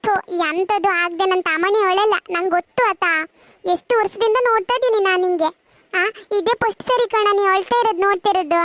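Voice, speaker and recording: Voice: very high-pitched, fairly quick, fairly bright tone, no room sound. A performer voicing a chatty, teasing cartoon schoolboy who coaxes his friend with questions. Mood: coaxing. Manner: chatty, coaxing, keeps asking questions. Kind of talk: cartoon voice acting.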